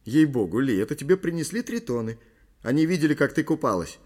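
A man's voice: on the high side, sing-song, fast, a little mellow, voice pushed up. A cocky young man plays the gallant with a lifted, showy voice, as a male audiobook reader puts him on. He soothes and boasts in the same breath. His delivery leaps about with theatrical flourish. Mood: mock-grand. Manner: playful, mock-grand, reassuring.

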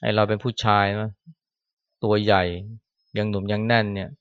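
Low-voiced monk, flat steady delivery. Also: male voice, moderate pace, dry recording, highs cut off. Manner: conversational, ends phrases with a soft particle, acts out scolding quotes. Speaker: Buddhist monk giving a Dhamma talk. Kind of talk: sermon. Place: temple hall after chanting.

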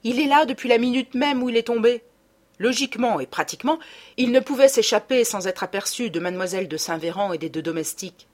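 A woman voicing an eager, sharp young man who reasons like a detective, confident and animated, in an audiobook. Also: a little high, quick pace, close to an everyday voice. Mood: intense.

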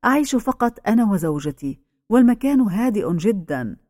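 A woman voicing an aging male village pastor who speaks slowly and solemnly. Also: medium pitch, very animated, mellow, dry recording, studio quality. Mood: grave.

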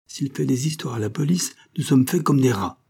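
A man's voice: medium pitch, moderate pace, creaky, warm tone, husky, pitched above the performer's own voice. A man voicing a furious, panicky middle-aged gambler who rants and barks. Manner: ranting, barking and grumbling.

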